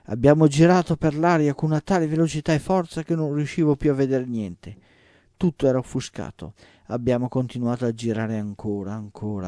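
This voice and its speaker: A man voicing a playful, mischievous old male sorcerer who tells his tale with animated feigned naivety. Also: medium pitch, dry recording, clean studio sound, natural voice.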